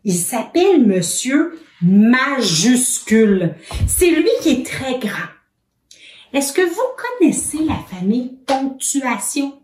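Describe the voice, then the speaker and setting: Slow, lively Québécois woman teaching children. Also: high voice, recorded from a distance. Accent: Québécois French. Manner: patient, encouraging, asks many questions. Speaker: children's educator. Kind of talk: lesson for young children. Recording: roomy echoing room.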